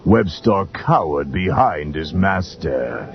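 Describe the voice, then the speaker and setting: A man with a low, gravelly voice narrates a children's adventure storybook in a dramatic, scripted style, taking it slowly with big pitch swings. The recording sounds like dull lo-fi tape with music behind it.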